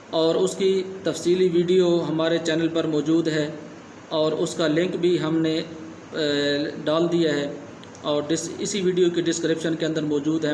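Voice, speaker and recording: A man teaching a Quran reading lesson, patiently spelling out each word syllable by syllable and repeating it slowly. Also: a little high, a little mellow, reverberant, slight background noise.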